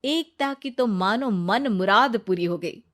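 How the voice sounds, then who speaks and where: A woman's voice: medium pitch, lively intonation, slow. A woman narrating a cartoon story in a plain storytelling manner.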